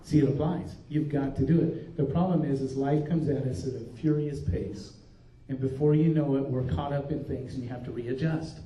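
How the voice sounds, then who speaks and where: A warm, mid-range male voice holds a steady tone at moderate speed. The speaker is an older pastor leading an earnest, down-to-earth workshop in a conference room, often starting sentences over, and the distant recording comes across dull and roomy.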